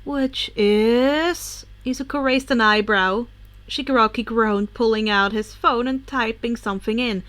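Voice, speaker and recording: A woman's voice: on the high side, fairly even intonation, normal speed, bright, forceful tone. A woman reading fanfiction aloud in a casual, informal way, sometimes stopping to correct a misread word. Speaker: podfic reader.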